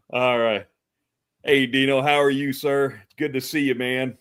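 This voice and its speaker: A man's voice: medium pitch, fairly even intonation, takes it slowly, fairly bright tone, clear, resonant tone. A man from Texas hosting a casual livestream talk show, greeting viewers by name, often calling them brother and chuckling. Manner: friendly, calls people brother, chuckles often.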